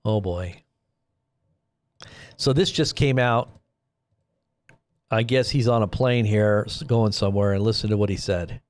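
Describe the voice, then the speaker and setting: A man's voice: lowish voice, a little slow, pauses often, a little mellow. Casual rambling male news host. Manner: casual, rambling with fillers, incredulous. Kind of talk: live news commentary.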